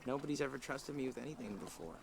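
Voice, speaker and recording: An actor playing a gentle, shy young male cyclops who speaks softly and sadly, heard as film audio from afar with music behind. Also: mid-range voice, expressive, racing, gravelly, background noise.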